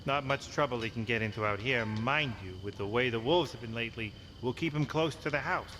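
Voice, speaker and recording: An actor playing a dryly morbid rural coffin maker in a game, deadpan and matter-of-fact. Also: male voice, mid-range voice, a little fast, long reverb tail, slight background noise, lightly acted. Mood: dry, plain.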